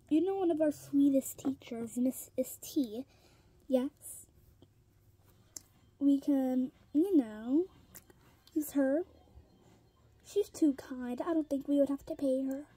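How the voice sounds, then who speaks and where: A woman's voice: high-pitched, steady tone, takes it slowly, pauses often, dark tone. A woman voicing kid characters in a pet toy role-play, rambling with lots of ums and restarts and slipping into whispered asides. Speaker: toy figure video creator.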